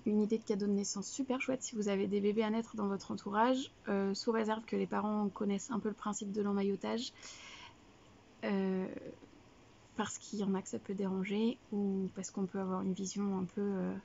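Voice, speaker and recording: A young woman talks casually to her viewers, rambling from one thought to the next and correcting herself as she goes. Her mid-pitched voice carries a gravelly, creaky edge. The sound is a little dull and lo-fi. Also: dark tone. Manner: chatty and rambling, many fillers and self-corrections. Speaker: knitting podcast host. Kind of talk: casual video podcast chat. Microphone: camera, showing items to viewers.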